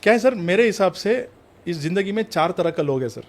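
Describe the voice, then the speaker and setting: A man's voice: high-pitched, lively intonation, a little fast. A man working as a numerologist and vastu consultant, telling stories earnestly, mixing in English phrases and calling the interviewer sir in nearly every sentence. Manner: mixes Hindi with English phrases. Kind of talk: earnest anecdotal storytelling.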